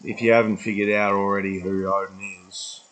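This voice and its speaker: A man's voice: lowish voice, little pitch movement, a little fast, fairly bright tone, rough recording. A man in his twenties rambling through a casual vlog monologue, swearing freely and losing his track. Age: 20s. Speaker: vlogger.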